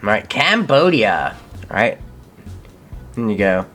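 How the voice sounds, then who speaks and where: A man's voice: lowish voice, sing-song, slow, a bit bright. A young man giving casual gameplay commentary as a channel host, thinking aloud and correcting himself mid-sentence. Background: faint game music.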